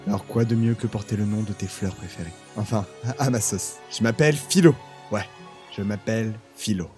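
A man acting an emotional young boyfriend in an audio drama, easily exasperated and expressive. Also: lowish voice, brisk, soft background music, close to an everyday voice. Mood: resigned, solemn. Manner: expressive, swinging from soft narration to anguished cries.

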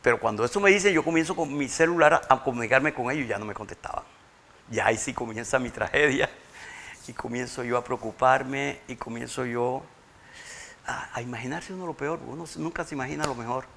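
A grieving father, telling his story in a halting, tearful interview and repeating words when overcome. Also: mid-range voice, creaky, sharp tone. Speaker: interview guest, bereaved father. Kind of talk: emotional interview testimony.

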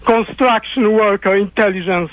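A man with a high voice and a Colombian accent phones a radio show. His talk is a stilted, formal, dogmatic rant. The line sounds dull and lo-fi. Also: moderate pace, dry recording. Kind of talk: calling in to a radio show, ranting.

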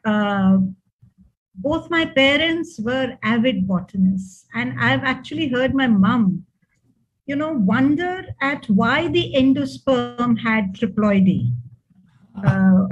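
A woman's voice: high-pitched, animated, slow pace, slightly rough. An older woman with an Indian accent giving an informal speech of thanks and reminiscence over a video call. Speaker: speaker giving thanks and family memories. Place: indoor room, on a video call. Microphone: computer mic on video call. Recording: dull video call audio.

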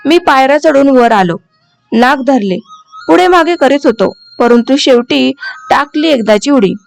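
A woman narrating a classic story as an audiobook reader, with a steady, expressive delivery. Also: high voice, unhurried, creaky, soft background music.

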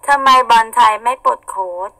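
A young woman with a husky voice, chatting casually on a live stream, reading out viewer comments and laughing often. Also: moderate pace, crowd noise, low-quality recording. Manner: chatty, giggly, playful. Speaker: idol singer on a live stream.

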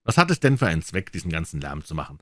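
A man's voice: very deep voice, sing-song, racing, no room sound, exaggerated voice. A man doing a curt, weary prison guard. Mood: stern. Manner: curt, scolding.

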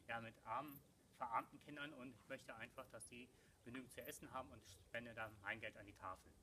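A middle-aged man with a bright, forceful voice at a medium pitch chats casually as a co-host. He is recorded outdoors in a garden by a camera, with faint noise. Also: fairly even intonation, a little fast. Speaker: podcast co-host. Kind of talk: casual unscripted banter to camera. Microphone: camera mic a few metres away.

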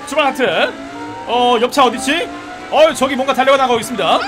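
A man giving excited, playful commentary while reviewing a car in a racing game, shouting at rival cars. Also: very high-pitched, brisk. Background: background music and engine sounds.

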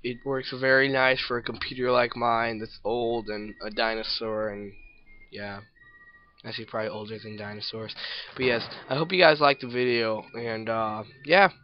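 A man's voice: medium pitch, fairly even intonation, normal speed, muffled recording. A man casually commenting over his own gameplay, rambling and self-deprecating, with hiccups and yawns. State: hiccups and yawning. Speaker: gameplay video maker.

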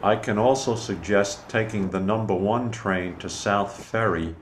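A man narrating a casual walking tour in a measured, informative way, speaking from behind a handheld camera outdoors on a city pier. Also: fairly low pitch. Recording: camera audio with clear outdoor noise.

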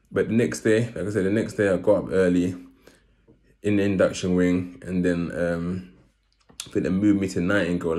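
Low and darkish in tone, this man's voice delivers laid-back personal anecdotes to camera. He's a vlogger with an urban London accent and street slang who leans on repeated phrases for emphasis.

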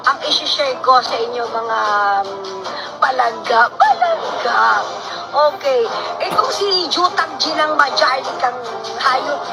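Woman vlogger with a very high voice, ranting and repeating insults for punch, with loud music in the background. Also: measured pace, poor audio. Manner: scornful, insulting, repeats words for emphasis. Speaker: reaction video host. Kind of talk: ranting reaction video. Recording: loud music playing behind.

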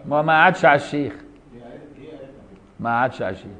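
A man with an Egyptian accent teaching a classical legal text, reading it aloud and explaining it in colloquial speech, slowly sounding out example words. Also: on the high side, lively intonation, pushed and bright. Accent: Egyptian Arabic. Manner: reads classical text, then explains in colloquial dialect, voicing pronunciations slowly. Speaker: Islamic jurisprudence teacher.

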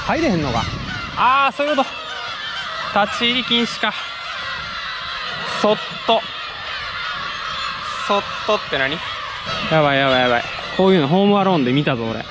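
A man's voice: sits high, sing-song, normal speed, pauses often, very noisy. A young man with a Kansai accent chatting and joking to himself while he vlogs outdoors by the sea on an action camera mic. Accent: Kansai Japanese. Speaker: motovlogger. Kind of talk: casual vlog commentary.

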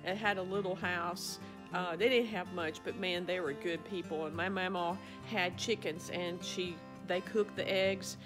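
A middle-aged woman, talking casually to her phone camera in a small indoor office. She speaks in a folksy, rambling way, often restarting or trailing off. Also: on the low side. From Arkansas. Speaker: vlogger, physician and farmer. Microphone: phone camera up close.

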